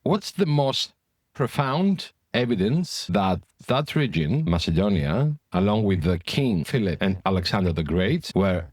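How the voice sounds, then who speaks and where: Low-voiced man on a podcast. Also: very animated, unhurried, no room sound, studio quality. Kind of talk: conversational podcast discussion.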